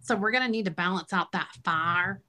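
A woman hosts a casual spiritual guidance talk. Her voice sits at an average female pitch. She speaks emphatically and addresses her listeners directly. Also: fairly quick, sharp tone. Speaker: astrology forecast host.

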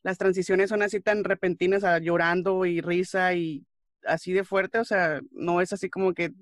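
An interviewer reacts briefly and asks follow-up questions in a casual interview. The voice sits in a middle pitch. The recording is dry and close. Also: little pitch movement, moderate pace, no echo.

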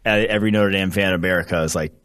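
Deep-voiced laid-back podcast man. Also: fairly even intonation, very fast, a bit bright. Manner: laid-back, rambling analysis with fillers. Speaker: podcast co-host. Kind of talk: casual sports podcast chat.

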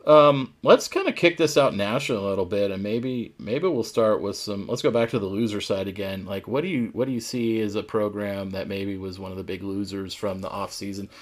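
Lowish-voiced man hosting casual sports talk. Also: fairly quick, few pauses. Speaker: sports podcast host.

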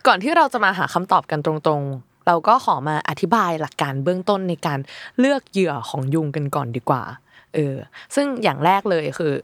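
A woman's voice: low-pitched, very animated, fairly quick, fairly bright tone, dry recording. A woman hosting a casual podcast, chatting and explaining facts with easy laughter. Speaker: host.

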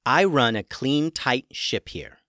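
A man's voice: on the low side, measured pace, a bit bright, no echo, clean studio sound. A man voicing a bossy young woman who captains a ship in a storybook, with firm, exasperated scolding. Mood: stern.

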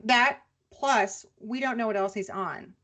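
A woman podcast co-host chatting casually and recapping news, with relaxed, hesitant pauses. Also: a little high. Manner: conversational, relaxed with many "um" pauses.

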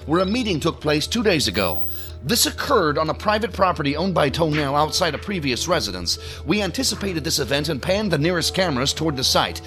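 For an audio drama, an actor plays an officious, easily irritated male federal agent briefing colleagues in a formal, measured, pompous manner. His voice sits a little high and sounds fairly bright.

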